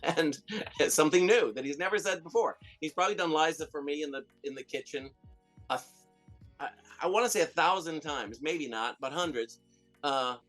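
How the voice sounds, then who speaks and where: A chatty man rambles through his stories in a loose interview, stopping and restarting his sentences often. His voice sits at an ordinary middle pitch, and he laughs easily as he goes. Faint music plays softly behind him. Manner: rambling, with many restarts and fillers; animated storyteller who laughs often. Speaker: filmmaker and comedian guest. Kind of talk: casual interview chat.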